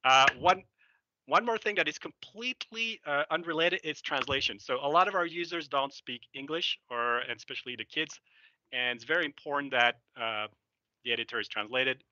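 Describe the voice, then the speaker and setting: A middle-aged Belgian software developer, French his first language, talks through a live product demo from an indoor room on webcam, thinking aloud casually and enthusiastically with many fillers. His fairly high voice is very bright and forceful at normal speed. The headset audio is dry and slightly dull, with no room sound.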